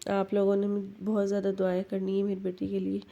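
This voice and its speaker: Calm, level-voiced mother narrating a family vlog. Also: medium pitch, vocal fry, highs cut off. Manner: calm, unhurried storytelling with mild worry.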